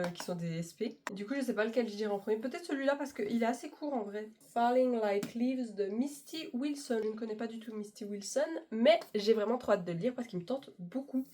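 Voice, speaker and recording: A woman's voice: mid-range voice, darkish tone, a little hiss or hum. Gushing young woman chatting. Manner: gushing, fast-talking, self-mocking. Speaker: book vlogger. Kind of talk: casual chat to camera.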